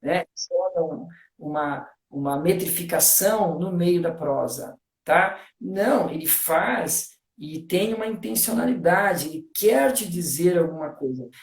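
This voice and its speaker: A man's voice: on the high side, expressive, a little slow, few pauses, reverberant. A man, a guest on a live stream, explains things eagerly in casual talk. He fills his speech with "né" and counts out rhythms aloud. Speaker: guest discussing literature.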